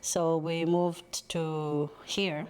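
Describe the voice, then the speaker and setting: A woman's voice: low voice, little pitch movement, drawn-out words, darkish tone. A woman giving a hesitant personal testimonial as a program graduate, with many fillers. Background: background music.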